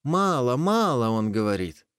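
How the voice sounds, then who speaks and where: A man's voice: mid-range voice, very animated, unhurried, a bit bright, clear, resonant tone, no room sound, clean studio sound, voice pushed up. A man voicing a timid wolverine in a folk tale, speaking in broken, simple phrases. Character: timid wolverine, meek and scared.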